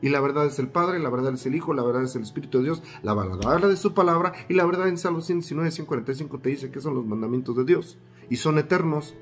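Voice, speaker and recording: Emphatic preacher man over soft guitar. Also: a little high, fast. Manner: emphatic, repeats phrases, asks the congregation questions. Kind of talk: sermon with scripture reading.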